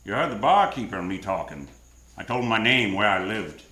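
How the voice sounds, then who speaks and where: Low-voiced hard-boiled radio detective played by a man. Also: sing-song, fairly quick, sharp tone. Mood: dry, defiant. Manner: wry, terse, tough-guy delivery. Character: hard-boiled, wisecracking male private detective, world-weary but soft-hearted. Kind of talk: 1940s radio noir acting with first-person narration. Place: live radio drama on a theatre stage. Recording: roomy live theatre stage, faint music.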